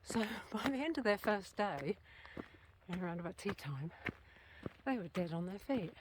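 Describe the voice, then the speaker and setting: Walking outdoors with a handheld camera, a woman from Britain talks casually, wanders off topic, corrects herself, and is slightly breathless. She has a mid-range voice, lively intonation, and a moderate pace, with noise in the background.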